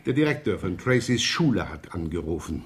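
An actor playing a wry, slightly scatterbrained police inspector in a radio crime drama, chatty and ironic. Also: male voice, sits low, very animated, fairly quick. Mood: businesslike. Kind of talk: 1970s German radio crime drama acting.

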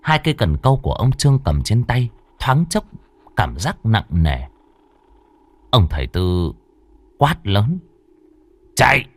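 A man narrating a horror story with expressive, dramatic pacing. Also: fairly low pitch, unhurried, pauses often, no echo.

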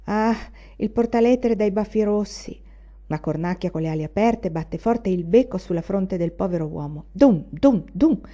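A woman narrating a classic novel for an audiobook in an expressive, measured way. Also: medium pitch. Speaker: audiobook reader. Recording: dull lo-fi recording.

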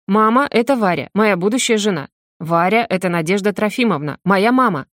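A woman reading as a tense young man giving short, blunt orders. His voice stays at a middle pitch and sounds dry and close. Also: lively intonation, brisk, dry recording, lightly acted. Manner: clipped, commanding.

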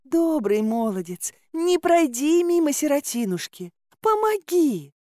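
A woman reads out a luring female swamp spirit from a storybook. Her voice climbs high and turns sweet and sing-song as she coaxes. The recording is dry, with no room sound. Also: lively intonation, slow, mellow, dry recording. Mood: coaxing.

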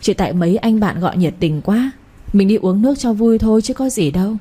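A woman voicing a young husband who coaxes and flatters his sulking wife. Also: mid-range voice, a little fast, breathy edge, close to an everyday voice. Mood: coaxing. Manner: coaxing, flattering.

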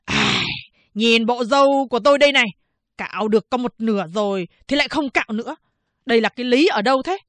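A woman's voice: on the high side, expressive, moderate pace, no room sound. A woman doing a fiery condemned prisoner. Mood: defiant, indignant. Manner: loud, commanding, indignant. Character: defiant condemned male prisoner, proud and fiery.

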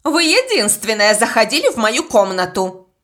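A woman's voice: on the high side, very animated, moderate pace, fairly bright tone. A woman voicing a strict, suspicious governess who snaps out accusations. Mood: angry, accusing. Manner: snapping, accusing.

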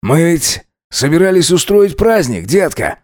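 A man's voice: big pitch swings, measured pace, a little mellow, dry recording, studio quality. A man voicing a drunk, spiteful young man who mocks and snaps at those around him, in an audiobook reading. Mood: taunting. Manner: mocking, shrill, aggressive.

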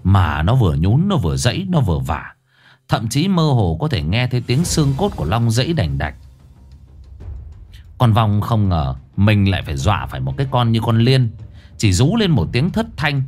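A man's voice: fairly low pitch, wildly swooping pitch, normal speed, a little mellow, faint music behind. A man narrating a ghost story in a colloquial, crude and dramatic manner.

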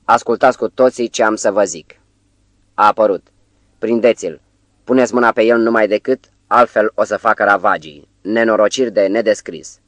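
A man reading the part of a frantic, hoarse young male poet who pleads urgently in an audiobook. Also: lowish voice, no echo, close to an everyday voice.

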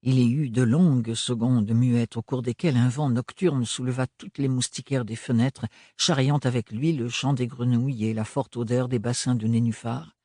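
A man reading a fantasy novel aloud as an expressive audiobook narrator. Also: medium pitch, moderate pace, few pauses, dry recording, clean studio sound.

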